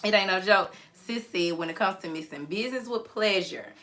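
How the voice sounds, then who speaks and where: Woman, host, bright voice, laughing and teasing. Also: mid-range voice, a little fast. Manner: laughing, teasing, animated storytelling. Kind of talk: casual chat.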